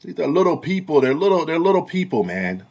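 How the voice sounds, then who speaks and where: A man who is a parent and a barber, talking heatedly in a casual commentary vlog, repeating himself in a preachy way and swinging between loud and soft. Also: fairly high pitch, very animated, brisk, dull audio. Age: adult parent. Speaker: vlogger and barber.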